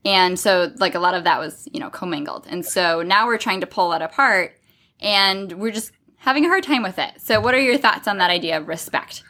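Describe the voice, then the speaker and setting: Woman, podcast host, crisp bright tone, thoughtful questions, affirming. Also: fairly low pitch, expressive, a little fast. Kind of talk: interview questions, casual chat.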